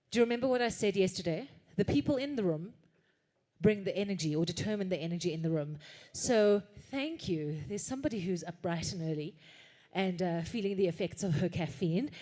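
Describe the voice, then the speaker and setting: A woman's voice: medium pitch, warm tone. A woman hosting a live conference on stage, addressing the audience in an upbeat, teasing way. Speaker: conference host. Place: conference hall.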